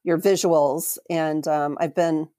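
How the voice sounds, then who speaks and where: A woman's voice: sits low, steady tone, takes it slowly, warm tone, dry recording, clean studio sound. A woman hosting a podcast interview, enthusiastic and encouraging, with fillers like "um". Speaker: podcast host.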